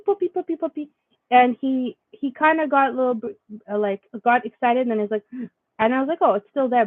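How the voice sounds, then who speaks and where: A woman's voice: medium pitch, no echo. A young woman talks straight to her viewers in a loose, rambling vlog, circling back with "like" and "you know" as she tells a faith story. Her voice sits in a middle range, and it comes through thin and tinny with no room sound at all. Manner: rambling, filler-heavy storytelling with many restarts. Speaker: faith vlogger. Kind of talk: casual spiritual vlog monologue.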